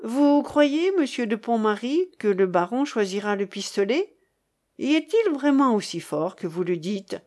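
Woman reading frightened young secretary, anxious, blurting, high. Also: big pitch swings, unhurried, a little mellow.

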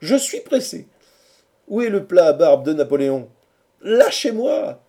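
A man voicing a lovesick, theatrical young gentleman in a storybook reading, pleading and declaiming in a raised voice. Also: sits high, big pitch swings, moderate pace, vocal fry, voice pushed up, exaggerated voice. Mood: frantic.

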